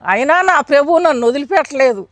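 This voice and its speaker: ఎత్తైన గొంతుతో తెలంగాణ యాసలో మాట్లాడే వృద్ధురాలు. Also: female voice, high-pitched, animated, fast talker, no room sound. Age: older. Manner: earnest, pleading, acts out her own past prayers. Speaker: interviewee giving testimony. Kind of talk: emotional testimony.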